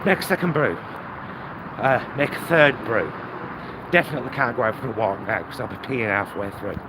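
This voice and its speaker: Out walking the streets, a British vlogger chats casually to his audience in a medium-pitched, expressive, brisk voice, sounding reflective, hesitant and self-deprecating. Wind hits the mic and loud traffic noise fills this outdoor walk-and-talk recording, along with passing vehicles and urban ambience.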